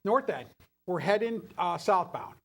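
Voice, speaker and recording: A man co-hosting a local talk show, chatting casually and telling a story in lively detail. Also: sits high, unhurried, vocal fry. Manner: animated storyteller, banters and retells events. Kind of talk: casual chat.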